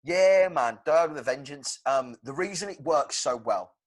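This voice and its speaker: A young man co-hosting a movie podcast in casual, animated chat. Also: a little high, moderate pace. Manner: animated, acts out quotes. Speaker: podcast co-host.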